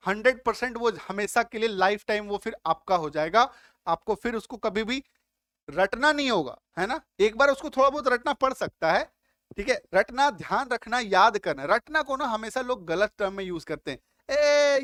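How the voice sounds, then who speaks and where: A man's voice: high voice, fairly bright tone, no echo, clean studio sound. A male teacher giving a spelling lesson. He spells words letter by letter, sounds them out again and again, and keeps asking whether his students follow. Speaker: English teacher. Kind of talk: classroom-style spelling lesson.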